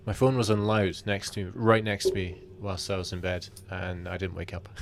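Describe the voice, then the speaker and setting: A man's voice: low voice, level tone, background noise. A man, an airline pilot, chatting casually and easily about his work with a British accent. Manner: easygoing, chatty, quick laughs. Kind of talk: casual chat.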